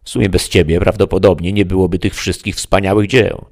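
A man's voice: low voice, fairly even intonation, darkish tone. A man voicing a chatty, mocking male devil who teases a human visitor in an audiobook story. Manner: fast teasing banter.

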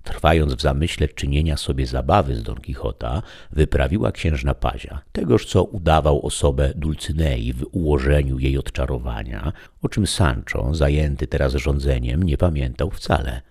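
A man narrating a classic novel as an audiobook, in measured, expressive storytelling. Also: extremely low pitch, creaky, slightly rough.

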